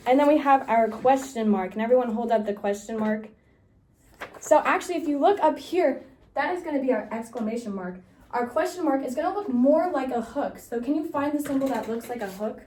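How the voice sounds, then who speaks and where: A woman's voice: on the high side, warm tone, slight background noise. A young woman student teacher leading a classroom micro-teaching lesson, upbeat and encouraging, with frequent laughs.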